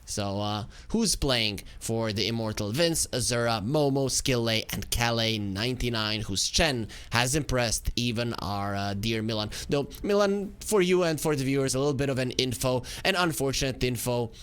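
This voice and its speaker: A man, calling a live esports match at a mid pitch. He keeps an upbeat, self-joking tone as he runs through the team lineups. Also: expressive, moderate pace, hardly any pauses, fairly bright tone, clear, resonant tone. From Serbia. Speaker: esports caster.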